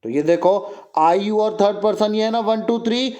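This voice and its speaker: A man with an Indian accent teaching English grammar in Hindi, asking the class questions and answering them himself, and reading example sentences slowly. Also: high voice, warm tone.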